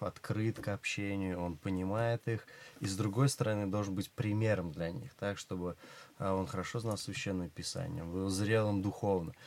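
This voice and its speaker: Male guest pastor, very low voice, steady preacherly counsel. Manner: measured, preacherly advice. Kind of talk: religious interview talk.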